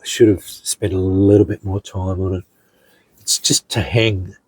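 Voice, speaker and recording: A middle-aged man, a hobby blacksmith, casually showing off his finished pieces in an unhurried, rambling way, with many ums and restarts. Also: deep voice, little pitch movement, darkish tone, slightly rough, rough recording. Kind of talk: casual show-and-tell narration.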